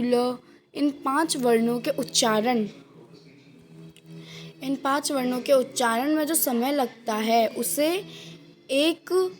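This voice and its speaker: High-voiced woman teaching a grammar lesson. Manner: repeats points and quizzes the listener; mixes in English words.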